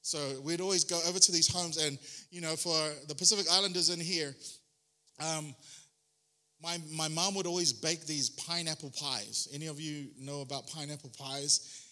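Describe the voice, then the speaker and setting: Bright-voiced New pastor preaching. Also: male voice, fairly high pitch, fairly even intonation, moderate pace. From New Zealand. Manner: chatty, self-deprecating, frequent ums and restarts. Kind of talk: sermon.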